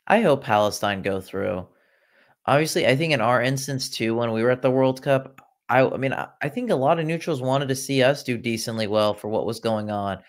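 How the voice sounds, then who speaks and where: Speaking fairly quickly in a mid-range voice, a young man from Iran runs a relaxed football watchalong livestream through his laptop. He chats along, responding to viewers' comments with sarcastic remarks.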